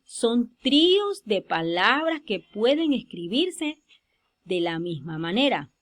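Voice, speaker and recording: A woman giving a spoken grammar lesson over slides, slowing down to stress example words. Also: a little high, very animated. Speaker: teacher.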